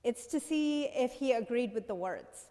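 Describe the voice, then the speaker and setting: A woman minister preaching a sermon into a pulpit microphone in a church sanctuary, measured and conversational, often asking the congregation "right?". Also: a little high, animated, mellow. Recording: long reverb of a church hall.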